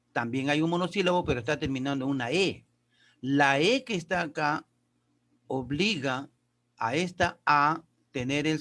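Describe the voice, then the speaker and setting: A male teacher with a slightly raised voice walks his pupils through grammar and pronunciation one step at a time. He reads English sentences aloud slowly and deliberately. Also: on the high side, a bit bright. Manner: explains step by step, addresses pupils as kids. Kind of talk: classroom lesson.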